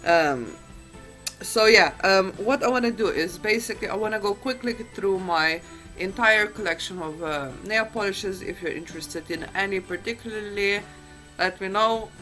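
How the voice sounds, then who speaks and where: A woman's voice: medium pitch, moderate pace, sharp tone, faint music behind, poor audio. A woman chatting casually to camera as a beauty vlogger, in a groggy just-woken-up morning voice and a chatty, self-deprecating way.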